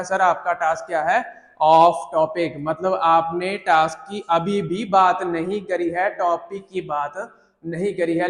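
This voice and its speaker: A man teaching students in a chatty, teasing way, mixing English phrases into his Hindi. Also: high voice. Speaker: IELTS teacher. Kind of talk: classroom-style lesson to students. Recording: echoey room with long reverb.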